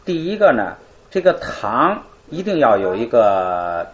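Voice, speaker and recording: A man's voice: mid-range voice, very animated, a little slow, lo-fi sound. A male teacher explaining grammar in a live class, asking questions and answering them himself.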